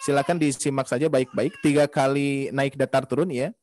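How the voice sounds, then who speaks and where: Patiently singing each tone, a man walks his online students through a Quran recitation melody step by step, repeating the drills slowly over a video call. He speaks at medium pitch with fairly even intonation and a darkish tone, against slight background noise.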